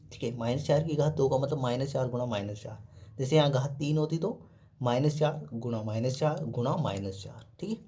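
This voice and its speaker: With a dark tone in a mid-range voice, a man explains math step by step. He raises questions only to answer them himself, peppering his talk with "ठीक है" and "देखो".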